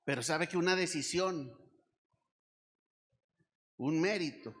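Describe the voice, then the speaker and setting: A Mexican man preaches in a high, bright, ringing voice. He takes his time and asks the congregation question after question, hammering each point home. His voice carries through an echoey church hall. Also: takes it slowly. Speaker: pastor. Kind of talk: sermon. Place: church service.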